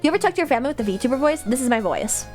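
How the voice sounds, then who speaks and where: A young woman VTuber chatting casually with her livestream viewers in a cute, playful, animated anime-streamer manner, talking nonstop. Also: high-pitched, very fast. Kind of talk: casual livestream chat, reading and answering viewers' messages. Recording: music playing behind the voice. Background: music.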